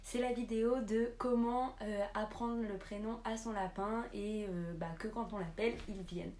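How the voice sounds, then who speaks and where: A woman's voice: medium pitch, fairly even intonation, normal speed, darkish tone. A young woman making a casual vlog tutorial, chatting with lots of hesitant fillers. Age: young adult. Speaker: pet vlogger.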